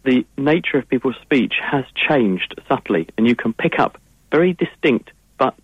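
A moderate pace, lively intonation and a breathy edge mark this man's medium-pitched voice. He has an English accent and appears as a science guest on a radio call-in, explaining at length and fluently to listeners; the sound is tinny phone-line with no echo.

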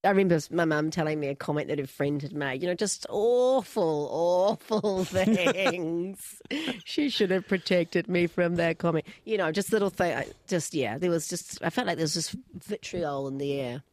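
A woman recalling things candidly in an interview, halting and earnest. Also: lowish voice, darkish tone, no room sound. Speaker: actor being interviewed.

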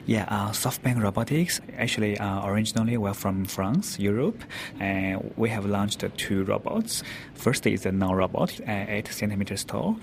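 A man from China, representing a robotics company, explains things in an interview in hesitant, non-native English with a Chinese accent. His voice is on the low side with lively intonation at normal speed, recorded noisily at a public event.

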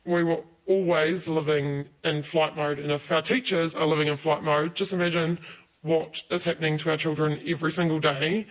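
An anonymous female teacher, speaking in an interview through an electronically altered, disguised deep voice, blunt and emphatic. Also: poor audio. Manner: blunt, emphatic, repeats key words. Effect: voice electronically altered, pitched down to a disguised deep voice. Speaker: early childhood teacher.

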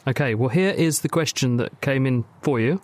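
A man hosts a science radio programme, moving quickly between guests and callers. He cracks quick jokes as he goes, in a middle-pitched voice. The studio sound is dry and close. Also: dry recording. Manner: jokey, brisk, quick to tease. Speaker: radio show host. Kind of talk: hosting a science phone-in.

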